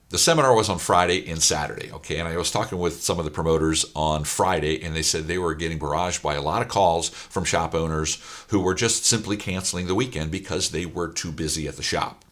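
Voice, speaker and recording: Hoarse and raspy after a long weekend of speaking, a middle-aged Ohioan who coaches auto repair businesses addresses the camera directly. His pitch is extremely low yet a bit bright, and his delivery is emphatic, repetitive and full of fillers.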